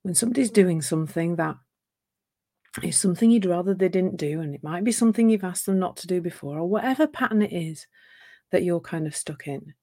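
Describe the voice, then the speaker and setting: In a live relationships session, a coach with a low-pitched, slightly croaky voice from a sore throat talks gently and thoughtfully, though at a brisk pace. As she reflects aloud, she keeps restarting her phrases.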